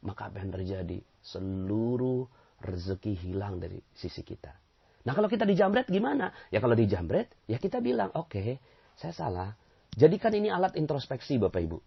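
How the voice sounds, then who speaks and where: Gravelly, husky man preaching. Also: fairly low pitch, highs cut off. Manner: animated, acts out quotes, keeps addressing listeners; drops to near-whispered muttering. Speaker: Islamic teacher. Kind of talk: casual sermon to a congregation.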